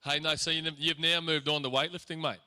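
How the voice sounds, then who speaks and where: A man's voice: a little high, steady tone, a little fast, pushed and bright, clear, resonant tone. An Australian man hosting a school sports awards night in a hall, chatting with guests in a chummy way. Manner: chummy, keeps saying "mate". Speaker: master of ceremonies.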